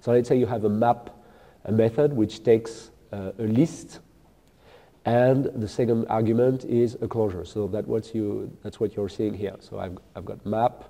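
A man giving a technical keynote talk at a conference, speaking haltingly with many fillers and restarts. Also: lowish voice, fairly even intonation, gravelly, mellow. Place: large lecture hall with audience. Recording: echoey large hall.

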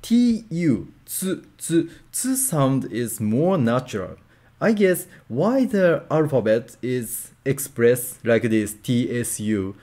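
Slow-speaking Japanese-accented man teaching. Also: mid-range voice, expressive, warm tone. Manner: slow, repeats syllables for drills, frequent "okay" and "uh". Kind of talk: casual language lesson.

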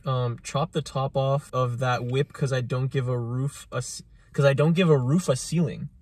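A man co-hosting a casual music reaction chat, puzzling over lyrics aloud with quick laughs. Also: medium pitch, fairly even intonation, darkish tone. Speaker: reaction video co-host.

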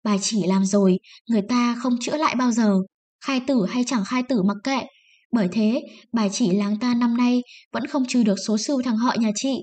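A woman voicing a pompous male village clerk who explains the tax rules in a loud, lecturing way. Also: fairly high pitch, brisk, close to an everyday voice.

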